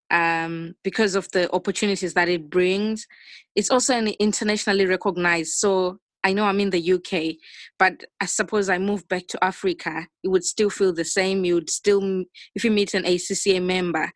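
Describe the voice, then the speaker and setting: A young woman with a Zimbabwean accent, a finance analyst, answers questions as a guest in a conversational interview held over a video call. Her voice is lowish and the recording sounds dry.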